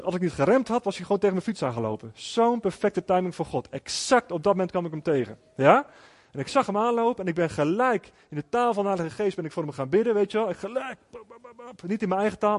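A man's voice: high-pitched, a little mellow, long reverb tail. A man preaching a sermon as a pastor, telling a personal story in an earnest way with frequent restarts.

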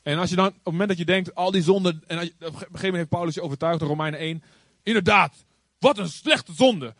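A man who is a pastor, telling a story in a calm, earnest way and acting out the voices of the people he quotes. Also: high voice, quick pace, dry recording. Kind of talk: sermon-style storytelling.

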